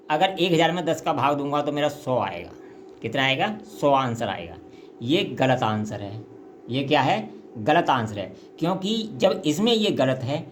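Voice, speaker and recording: A man's voice: mid-range voice, a little hiss or hum. A man from India, teaching a math problem patiently and step by step. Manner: patient, step-by-step, often says "ठीक है" and "देखिए".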